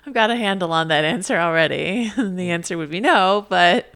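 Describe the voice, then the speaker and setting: A woman co-hosting a casual podcast, playful and quick to laugh. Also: fairly low pitch, a bit bright, smooth. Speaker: podcast co-host. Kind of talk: casual chat. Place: Somerville, Massachusetts.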